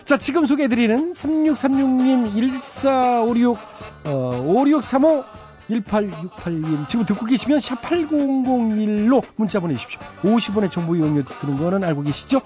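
A man's voice: very high-pitched, animated, normal speed, dark tone. A male radio host reading out listener text messages with chatty, teasing comments. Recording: slightly dull radio broadcast with faint music.

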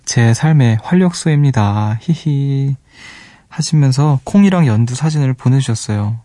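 A man hosts a late-night radio show from a studio microphone, with a mellow, warm tone and a middling pitch. He reads listener letters in a gentle, soft-spoken way and fondly exclaims over the pets in their photos. The sound is close and dry. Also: animated, normal speed, dry recording.

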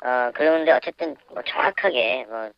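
A male professor speaking anonymously on the phone, his voice disguised with pitch shifting, explaining in a hesitant, measured way. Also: smooth, no echo. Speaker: university professor, interview guest. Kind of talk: phone interview. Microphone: telephone. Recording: muffled phone line.

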